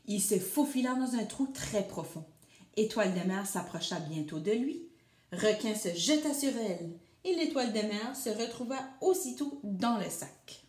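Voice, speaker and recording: A woman's voice: medium pitch, expressive, moderate pace, darkish tone. A woman teacher reading a storybook aloud to children and asking them questions as she goes. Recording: echoey room.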